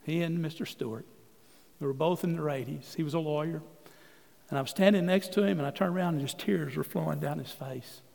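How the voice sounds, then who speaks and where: A man preaching a sermon, telling a folksy, animated story from the pulpit in a church sanctuary. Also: fairly high pitch, brisk, vocal fry. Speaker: pastor. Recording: long hall reverb.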